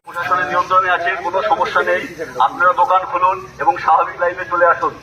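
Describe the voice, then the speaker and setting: A man making a rapid, urgent police announcement through a megaphone on the street. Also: sits high, little pitch movement, slight background noise. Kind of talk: public announcement. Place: street outdoors. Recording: echoey, distant, dull loudspeaker.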